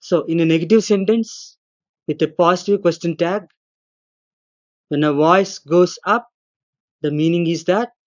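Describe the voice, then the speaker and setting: A man, a lecturer giving a recorded grammar lesson, explaining slowly and deliberately and acting out the intonation of his examples. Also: a little high, dull audio. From India. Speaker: English lecturer.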